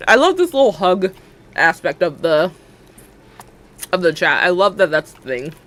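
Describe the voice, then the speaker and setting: A young woman talks to her live stream chat in a loose, rambling way, full of fillers and quick laughs. Her voice is bright and clear, and her pitch swoops up and down as she talks. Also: lively intonation. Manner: rambling, chatty, laughs often, many fillers. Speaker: livestreamer. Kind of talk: casual chat with live viewers.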